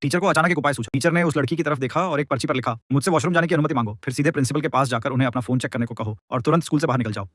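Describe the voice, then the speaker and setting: A man narrating a dramatic story in a rapid, tense scripted style. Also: mid-range voice, a bit bright, no echo, clean studio sound.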